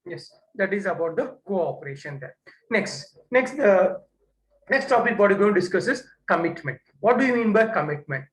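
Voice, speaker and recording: Man, classroom lecture, halting restarts, roomy echo. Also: high voice, lively intonation. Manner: repeats "what you call" often, halting restarts.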